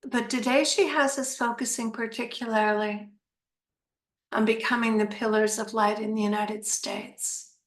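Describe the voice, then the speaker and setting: Slow-paced woman leading a guided meditation. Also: on the high side, fairly even intonation, roomy sound. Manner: soothing, unhurried, with long pauses.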